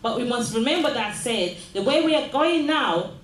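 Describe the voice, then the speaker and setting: Older woman from Jamaica, mayor speaking to a crowd, higher voice, earnest and repetitive, echoey room. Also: animated, normal speed, a little hiss or hum. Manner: earnest, repeats phrases, checks in with the audience. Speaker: mayor giving a closing speech. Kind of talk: community speech. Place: large room at a mayor's office. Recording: echoey room with faint ambience.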